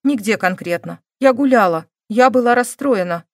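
Woman doing a stubborn young woman, clipped denials, loud, dry sound. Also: fairly high pitch, animated, normal speed, no room sound. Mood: defiant. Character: defiant, sullen young woman under questioning.

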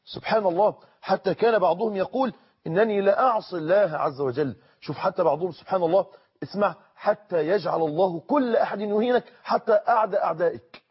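A man with an Egyptian Arabic accent preaching a sermon in an earnest manner, repeating his phrases for emphasis and slowing down for quotations. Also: sits high, slightly rough, highs cut off.

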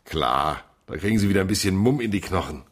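A man's voice: low voice, expressive, a little fast. An actor playing a chummy, blustery showman, colloquial, jovial and bossy, in old film style. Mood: jovial coaxing. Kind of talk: early sound film acting.

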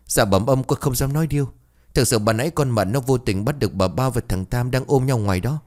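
A frightened young male servant from a spoken ghost story, voiced by a man. His voice is pitched high, breathless and stammering. He is urgent and fearful. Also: animated, a little fast, darkish tone, lightly acted.

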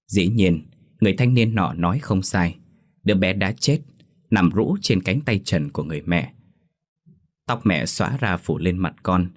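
A man reading a scripted horror story in a measured, solemn way. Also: low-pitched, a little mellow.

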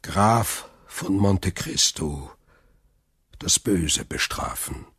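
The Count of Monte Cristo, as a storybook narrator puts him on, solemn and secretive. He murmurs slowly in a low, husky voice, close and dry. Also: expressive, no echo, exaggerated voice. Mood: solemn, hushed. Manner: slow, low, hushed murmuring. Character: mysterious noble man, avenger, solemn.

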